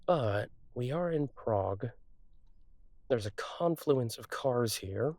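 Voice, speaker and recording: A man playing a streetwise, wry car thief on the run in a conversational audio role-play, talking casually with thoughtful pauses. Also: medium pitch, animated, darkish tone, dry recording, clean studio sound. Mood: resolved.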